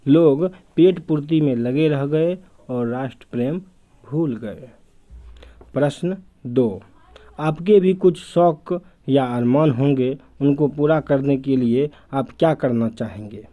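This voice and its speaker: Slow, mellow-voiced male teacher. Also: medium pitch. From India. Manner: slow, measured dictation of questions and answers. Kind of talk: reading textbook answers aloud.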